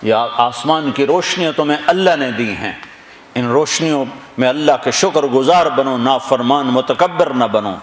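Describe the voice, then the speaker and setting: A man giving a storytelling sermon, retelling scripture dramatically and slowly reciting verses between the narration. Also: mid-range voice. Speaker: preacher. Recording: echoey hall with long reverb, faint noise.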